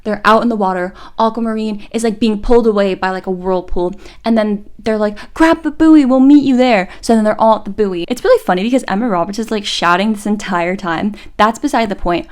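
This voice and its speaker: A young woman vlogger retelling a film from memory in a casual, filler-heavy way, acting out lines in a higher voice. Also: steady tone, fairly quick, hardly any pauses. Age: young adult. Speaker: YouTuber. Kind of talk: casual chatty movie recap.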